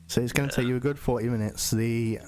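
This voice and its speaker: A man's voice: mid-range voice, fairly even intonation, quick pace, darkish tone. A man running a tabletop role-playing game as game master, casual and laughing as he voices characters.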